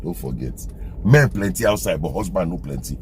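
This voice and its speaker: Deep-voiced, teasing Nigerian man. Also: expressive, brisk, a little hiss or hum. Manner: teasing, opinionated, uses pidgin. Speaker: co-host. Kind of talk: casual chat.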